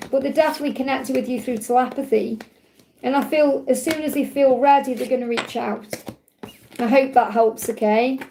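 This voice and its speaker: Middle-aged female tarot host, high-pitched yet soft-edged and mellow, a little croaky, reassuring live-reading delivery. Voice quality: slightly croaky when hot. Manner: reassuring, repeats points in parallel phrases.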